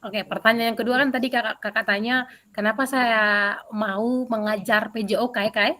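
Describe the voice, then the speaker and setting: A woman PE teacher answering interview questions over a video call, telling a story in an animated way with many fillers. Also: fairly high pitch, normal speed.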